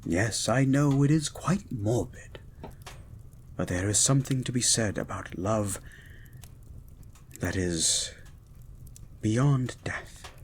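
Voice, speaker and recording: A man voicing a gentle, learned mutant beast as a devoted lover, speaking in a slow, hushed, formal and ardent way in a romantic audio roleplay. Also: on the low side, animated, a little hiss or hum. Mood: intimate, devoted. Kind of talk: romantic poetry reading and intimate audio roleplay.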